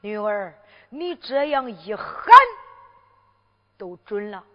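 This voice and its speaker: A woman playing a disguised emperor posing as a wandering fortune-teller, fatherly and lively, teasing and scolding in turn, with a Henan accent, in a Henan zhuizi storytelling performance. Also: medium pitch, takes it slowly, pitched below the performer's own voice. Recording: dull lo-fi recording with long reverb.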